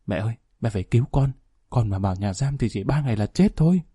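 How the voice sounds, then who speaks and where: A man's voice: medium pitch, lively intonation, a little fast, mellow, no echo, clean studio sound, natural voice. A man reading as a scared young runaway. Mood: frightened. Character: young man, scared drug-addicted son on the run.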